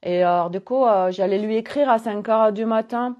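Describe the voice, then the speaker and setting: A woman's voice: on the high side, normal speed, lo-fi sound. A middle-aged woman with a southwest French accent from the Gers, a holistic coach talking in a casual spiritual monologue that rambles, full of hesitations and fillers. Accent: Gers, southwest France.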